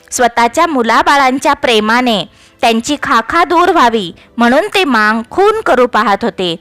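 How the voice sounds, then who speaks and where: A woman storyteller reading a classic tale in an expressive, measured way. Her voice sits fairly high and is recorded dry and close, with faint music underneath. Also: no echo. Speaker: narrator.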